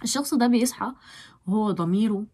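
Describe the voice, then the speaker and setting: A young woman with an Egyptian Arabic accent, giving an emphatic motivational talk to her viewers, with sudden loud stresses. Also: mid-range voice, quick pace, slightly rough. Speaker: vlogger.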